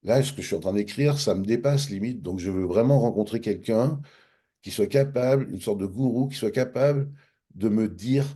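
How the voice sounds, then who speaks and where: Husky French man telling a story. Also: on the low side, normal speed. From France. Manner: animated, acts out both sides of past dialogues. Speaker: interviewee. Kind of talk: casual storytelling.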